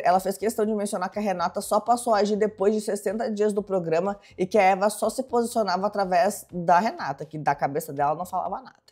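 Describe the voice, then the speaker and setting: A woman hosting a chatty, dramatic reality show gossip recap. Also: mid-range voice. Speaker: host.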